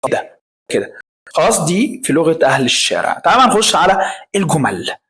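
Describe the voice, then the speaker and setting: A man's voice: a little high, big pitch swings, a bit bright. A man with an Egyptian Arabic accent teaching English, repeating each word several times for practice. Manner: repeats words slowly for drilling. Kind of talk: spoken language lesson.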